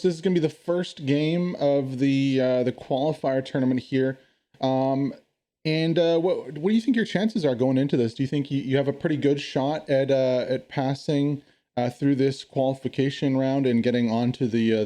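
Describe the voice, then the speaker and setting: A man's voice: mid-range voice, fairly even intonation, moderate pace, warm tone. A man hosting a casual interview with esports team commanders, friendly and talkative with many fillers.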